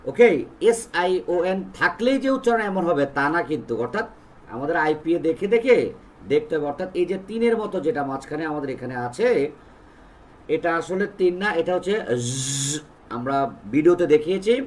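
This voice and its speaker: A man's voice: high voice, expressive, a little fast, a little mellow, a little hiss or hum. A man leading a pronunciation drill, saying each practice word aloud with stress. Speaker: English pronunciation teacher.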